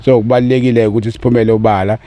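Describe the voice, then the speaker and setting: A man's voice: mid-range voice, flat delivery, rapid-fire, mellow. A South African man with a Zulu accent giving an earnest personal account in an interview. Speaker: interviewee speaking for his family about an ill brother.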